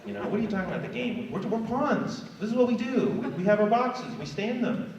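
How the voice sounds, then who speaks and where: A man's voice: high voice, animated, fast, crowd noise, pitched above the performer's own voice. A man voicing baffled, conformist chess pawns who brush off the idea of change. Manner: bewildered and dismissive. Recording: echoey hall, far from mic, dull.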